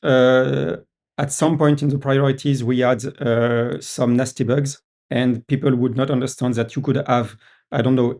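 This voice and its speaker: Male, French accent, gravelly, hesitant developer explaining features in a call. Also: medium pitch, a little mellow. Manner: hesitant, many "uh" fillers. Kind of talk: casual video-call discussion.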